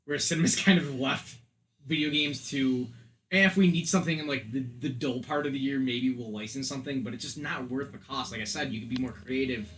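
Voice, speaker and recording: On a rough recording, a podcast panelist with a mid-range, fairly bright voice speaks briskly in a casual discussion of films and games. His style is analytical and meandering, with frequent uses of "like".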